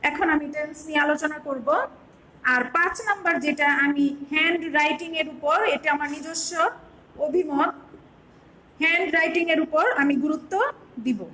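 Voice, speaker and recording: A Bangladeshi woman teaching an online class, explaining step by step and slowly spelling words out. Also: high voice, fairly even intonation, sharp tone, a little hiss or hum, low-quality recording.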